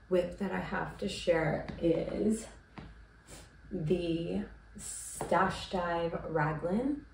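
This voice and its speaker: There's vocal fry in this woman's lowish voice as she, in her thirties and congested from being sick, rambles through a casual to-camera chat for her knitting podcast. Relaxed, she leans on frequent ums and likes. A camera at a distance captures her in a small room at home, giving roomy, distant sound with slight background noise.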